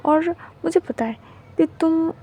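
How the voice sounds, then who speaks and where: A woman voicing a shy, innocent young man who speaks softly and sweetly in a storybook narration. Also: very high-pitched, unhurried, dull audio, pitched above the performer's own voice. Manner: soft, sweet, pleading.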